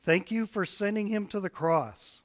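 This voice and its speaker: Gentle, patient pastor teaching kids, higher-pitched man. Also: moderate pace. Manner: sweet, patient Sunday school teacher talk with simple questions and prompts. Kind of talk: children's sermon, then sermon to congregation.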